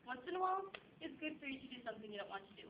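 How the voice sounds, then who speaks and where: A woman performs a comic stage monologue as a chatty, flighty, very young divorcee, her delivery dramatic and gushing, sing-song and racing. The room is echoey, and the amateur recording is dull and noisy with a low rumble.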